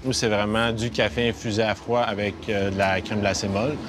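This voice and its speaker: A man's voice: on the low side, flat delivery, brisk, noisy background. A man, café staff describing a coffee drink with frequent fillers and hesitations. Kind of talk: casual interview.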